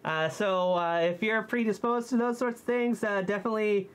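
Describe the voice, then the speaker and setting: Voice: medium pitch, normal speed, clear, resonant tone. A movie reviewer in casual chat, talking through a costume head and stopping often, with many fillers and restarts.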